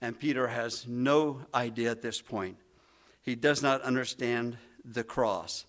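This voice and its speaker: A man preaching a sermon, animated and acting out the voices of biblical figures as he talks. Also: mid-range voice, measured pace. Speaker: pastor.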